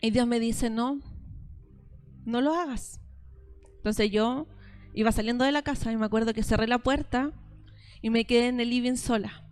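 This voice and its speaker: A woman's voice: on the high side, steady tone, a little fast, a little mellow, clean tone. A woman, preaching a sermon as pastor and acting out both sides of conversations as she tells stories.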